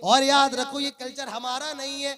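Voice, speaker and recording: A man in his late twenties giving an impassioned religious speech as a preacher, declaiming fervently and swelling loud on his exhortations. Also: very high voice, level tone, normal speed. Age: 20s. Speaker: Islamic preacher.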